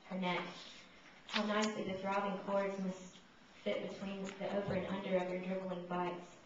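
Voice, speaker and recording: A woman giving a poetry reading, reciting her own verse in measured, solemn short phrases. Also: medium pitch. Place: reverberant indoor room, live reading. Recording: distant, muffled, echoey room with noise.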